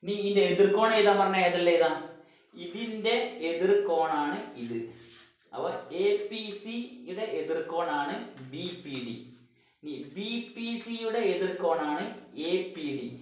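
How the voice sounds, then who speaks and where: Math teacher in a very echoey room. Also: male voice, high-pitched, a little slow, distant mic. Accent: Malayalam-accented English terms. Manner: explains step by step, asks questions and answers them himself. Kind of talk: classroom math lesson.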